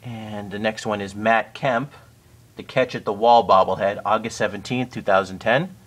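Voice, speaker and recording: A man casually narrating a walkthrough of his collection on home shelves, naming items one after another with the odd pause and self-correction. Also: fairly low pitch. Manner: steady list-like naming with occasional uh and self-corrections. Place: indoors at home by display shelves.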